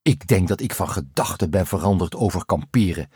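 A man's voice: deep voice, lively intonation, brisk, mellow, slightly rough, dry recording, clean studio sound, heavily acted. A man voicing a glum, wry young boy on a camping trip in a storybook. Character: boy camper, glum but joking.

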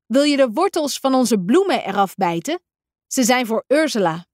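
A woman doing a cheerful male friend from a children's storybook, eager and chatty. His voice leaps around in pitch and sounds clean and close. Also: sing-song, moderate pace, darkish tone, dry recording.

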